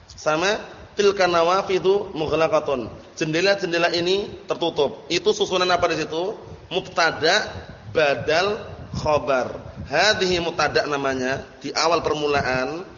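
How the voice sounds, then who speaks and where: This Arabic grammar teacher has a fairly high, slightly bright voice and takes his time. He quizzes the class casually, asking questions again and again and regularly making sure they've understood. The sound is muffled, with hall echo and background noise.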